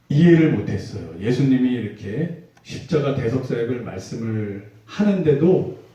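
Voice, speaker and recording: A male pastor preaching a sermon in a relaxed, conversational way, asking rhetorical questions. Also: medium pitch, lo-fi sound. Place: church sanctuary. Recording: echoey hall, mic far off.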